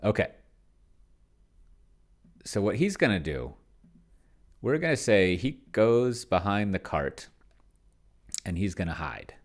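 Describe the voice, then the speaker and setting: Speaking in a fairly low, sing-song voice, a man hosts a tabletop roleplaying game by himself. He thinks out loud casually, pausing and musing, often letting his thoughts drift off unfinished.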